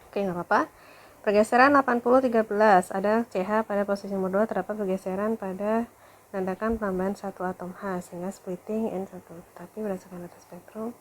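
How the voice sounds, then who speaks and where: A woman's voice: mid-range voice, steady tone, quick pace, slight background noise. A woman lecturer talking through a recorded lesson, thinking aloud with fillers and corrections.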